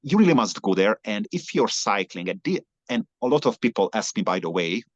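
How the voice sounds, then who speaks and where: A man's voice: lowish voice, big pitch swings, fairly quick, no room sound. A Hungarian man, a native Hungarian speaker, talking earnestly in an interview, often restarting his sentences. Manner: earnest, many restarts and fillers. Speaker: guest, long-distance cyclist. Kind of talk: conversational interview. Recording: slightly dull lo-fi sound.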